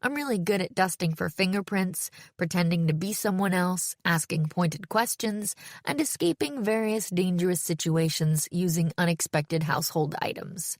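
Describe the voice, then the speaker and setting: A woman's voice: on the low side, normal speed, few pauses, no room sound. A woman narrating a first-person audiobook in a wry, self-aware storytelling manner, close to the mic.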